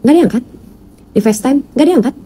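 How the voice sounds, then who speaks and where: A woman with a Sundanese accent, ranting in a casual vlog, animated and peppered with Sundanese slang and curses. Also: high-pitched, moderate pace, slightly rough. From West Java, Indonesia. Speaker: social media personality.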